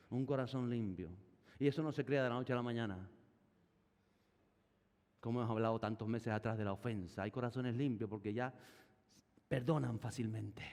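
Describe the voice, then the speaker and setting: A man preaching a sermon as pastor into a microphone, swinging between hushed low lines and loud calls to the congregation. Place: large church hall. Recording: long church hall reverb.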